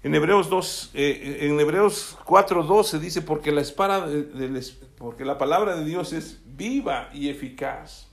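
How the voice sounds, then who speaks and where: A man's voice: fairly high pitch, a little slow, vocal fry, few pauses. A man preaching a sermon, often asking his listeners for a yes as he goes. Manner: asks the congregation "¿sí?" often. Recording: echoey room.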